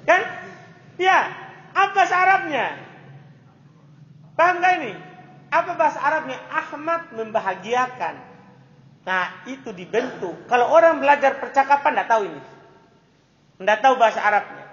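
Male grammar teacher, very high voice, keeps firing questions at the class; roomy, lo-fi recording. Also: expressive, normal speed, pauses often, a bit bright. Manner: keeps quizzing students with repeated questions. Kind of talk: classroom lesson. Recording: echoey hall, dull lo-fi sound.

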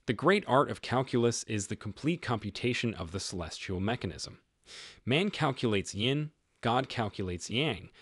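Low, husky male recap narrator. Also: no echo, studio quality. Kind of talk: scripted story narration.

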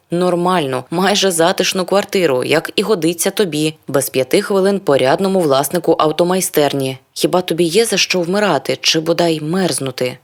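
Brief: audiobook reader, first-person literary narration, brooding and introspective, mid-pitched voice. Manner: brooding, introspective, rhetorical questions.

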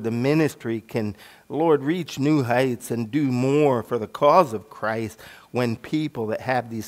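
A middle-aged American man preaching a sermon and praying from the pulpit of a church sanctuary, earnest and repeating himself as he speaks. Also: medium pitch. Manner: earnest, repeats "Lord" often in prayer. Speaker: pastor.

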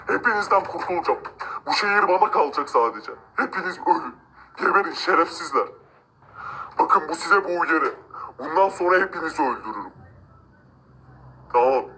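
A man's voice: a little high, pushed and bright, slight background noise, poor audio. A man voicing an arrogant, cruel rich man who gloats, mocks and threatens villagers in a game-video drama. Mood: furious. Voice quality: gloating, mocking laughs. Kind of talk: amateur game role-play narration.

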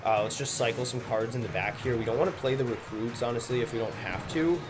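A man's voice: mid-range voice, quick pace. A young man with a slightly congested, stuffy nose gives casual gameplay commentary as a gaming video host. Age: young adult. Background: loud music.

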